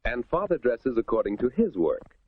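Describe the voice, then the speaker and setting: Husky 1950s-style American male narrator. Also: mid-range voice, big pitch swings, normal speed, narrow, tinny audio. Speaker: educational film narrator. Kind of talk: 1950s instructional film narration, scripted. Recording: thin, band-limited vintage film soundtrack.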